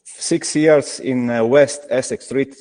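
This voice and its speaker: An Italian craft brewer, appearing as a guest on a casual video call, talks about beer in English with a steady, warm, mid-range voice. His speech is halting, full of ums, fillers, and restarts, and the audio has an echoey reverb.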